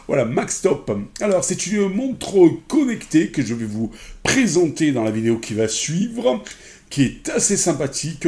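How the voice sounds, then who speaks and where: A man's voice: mid-range voice, warm tone. A man giving a casual unboxing review of a smartwatch, rambling with many fillers and self-corrections while handling the product. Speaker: tech reviewer.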